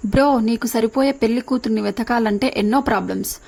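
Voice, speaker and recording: A playful young sister teases her brother in a chatty, joking way, voiced by a woman narrator. The voice sits a little high and stays bright with fun. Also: fast, creaky. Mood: teasing. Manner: chatty, teasing.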